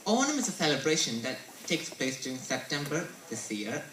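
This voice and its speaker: A man's voice: fairly high pitch, sing-song, normal speed, a bit bright, slight background noise. A teenage boy from India giving a recited, earnest school presentation. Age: teens. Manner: earnest, recited storytelling delivery. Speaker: student presenter. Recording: roomy echo, mic at a distance.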